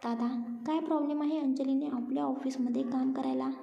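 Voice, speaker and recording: A woman's voice: high-pitched, steady tone, brisk, vocal fry, warm tone. A woman voicing an affectionate young woman who coaxes and pleads with her elder brother. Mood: coaxing. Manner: pleading, coaxing. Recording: roomy, muffled lo-fi recording.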